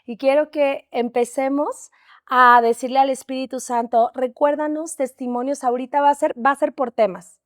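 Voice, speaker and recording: Woman, high voice, dry close sound, encouraging host of a faith chat. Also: steady tone, normal speed, no room sound. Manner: encouraging, prompting others to share. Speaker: host leading a testimony session.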